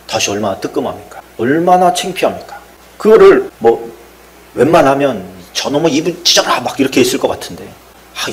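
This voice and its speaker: A male pastor giving a sermon, telling a story and acting out its dialogue, rising to loud outbursts and dropping to near whispers. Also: medium pitch. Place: church sanctuary.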